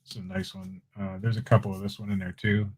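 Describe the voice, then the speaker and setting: Talking fast in a husky, fairly low voice, a man hosts a casual live-stream auction. He chats in a relaxed way with viewers in the chat while showing items and calling out bids.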